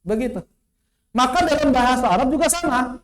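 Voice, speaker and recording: Casting note: male Quran teacher, high and animated, asks the class questions and chuckles between points. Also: a little fast. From West Java. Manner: quizzing students, rhetorical questions, chuckles. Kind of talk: online tajwid lesson. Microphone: online class recording.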